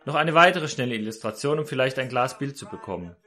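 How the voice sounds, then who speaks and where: Man, preacher, sermon storytelling, very animated intonation. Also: medium pitch, quick pace. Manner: storytelling, addresses listeners directly.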